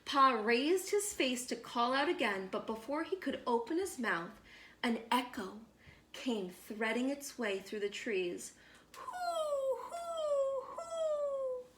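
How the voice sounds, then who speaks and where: In a slightly high voice, a storyteller reads a picture book to children, going slowly and expressively with measured, deliberate pauses. The room gives a noticeable echo, and there's slight background noise.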